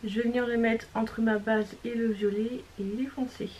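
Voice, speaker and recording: A woman's voice: a little high, level tone, moderate pace, a little mellow, slight background noise, poor audio. Chatty woman narrating a makeup tutorial. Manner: chatty, self-correcting, describing each step. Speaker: beauty vlogger.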